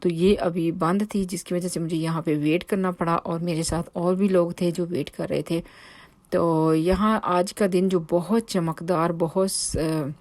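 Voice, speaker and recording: A woman's voice: on the low side, steady tone, measured pace, a little mellow, no room sound. A woman, chatting through a home vlog voice-over with many fillers and restarts. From Pakistan. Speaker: home vlogger. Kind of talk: casual voice-over narration.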